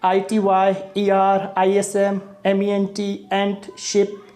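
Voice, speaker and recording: A man's voice: high-pitched, completely flat delivery, takes it slowly, darkish tone. A young male English teacher giving a lesson, spelling out word endings one by one and often checking in with the class. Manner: spells out word endings letter by letter, frequent "theek hai" check-ins.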